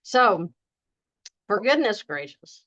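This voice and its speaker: A woman's voice: medium pitch, sing-song, fairly bright tone, dull audio. A woman with a Southern US accent, a debt coach giving folksy, emphatic advice straight to her viewers. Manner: folksy, emphatic, deliberately slow. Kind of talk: casual direct-to-camera advice.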